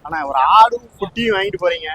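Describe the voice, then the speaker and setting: A man's voice: high-pitched, fast talker, sharp tone. A man casually interviewing buyers at an outdoor livestock market, repeating back each answer in a chatty way. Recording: noisy outdoor market crowd. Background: crowd chatter and goats bleating.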